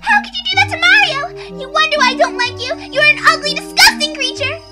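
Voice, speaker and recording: A woman's voice: very high-pitched, fast talker. A woman voicing a young, sweet but indignant princess in distress, dramatic and pleading, in an amateur cartoon dub. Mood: angry. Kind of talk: amateur English anime fan dub. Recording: loud background music behind the voice.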